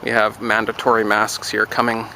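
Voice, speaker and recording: A man's voice: on the low side, monotone, moderate pace, creaky, sharp tone, a little hiss or hum, rough recording. Man vlogging outdoors, wry and rambling. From Canada. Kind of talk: casual vlog monologue. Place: outdoors near a road construction site.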